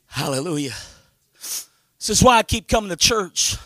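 A man preaching as senior pastor. He moves from hushed talk to shouted passages and repeats amen and hallelujah. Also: sits high, lively intonation, normal speed, dry recording, clean studio sound. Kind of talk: Pentecostal preaching.

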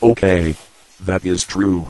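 A man voicing a sassy male robot sidekick built from an old vacuum cleaner, speaking in a robot voice with flat, cheeky delivery. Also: low voice, takes it slowly, pitched below the performer's own voice. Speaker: co-host.

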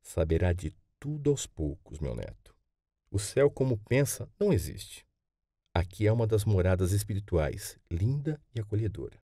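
A man playing a gentle old grandmother. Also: on the low side, very animated, dry recording, studio quality. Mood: tender. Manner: slow, soothing. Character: gentle elderly grandmother, calm and reassuring. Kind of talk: audiobook character voice.

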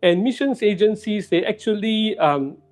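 A middle-aged male pastor giving a sermon in a church, speaking slowly and deliberately and repeating key phrases for emphasis. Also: sits high, lively intonation, a little mellow, soft background music. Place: church sanctuary.

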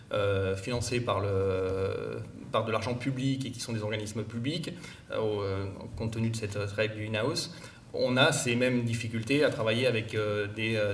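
A man directing an organisation answers conference questions in a hesitant way, with many fillers and restarts, clearing his throat because his voice gives him trouble. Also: fairly low pitch, slight background noise. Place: large conference room. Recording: echoey room, distant mic.

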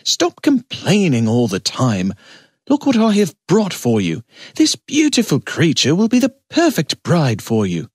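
A woman voicing a domineering, scheming mother frog in an animated storybook, with a husky, croaky voice. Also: low voice, a little slow, dry recording, studio quality, exaggerated voice. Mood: bossy. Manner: domineering, scolding.

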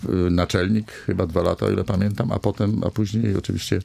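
An older man speaks as a studio guest on a radio interview. His voice sits low and carries a gravelly fry, and he talks in a rambling way, pausing often with fillers. The sound comes close through a desk microphone. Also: flat delivery, darkish tone. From Poland. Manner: rambling with many hesitations and fillers. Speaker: village mayor, guest.

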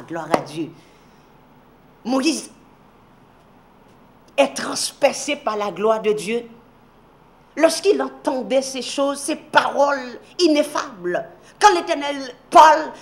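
A man with a strikingly high voice teaches the Bible on television. He reads scripture aloud and turns to the viewers, then swings from loud emphatic declaring to hushed, low asides.

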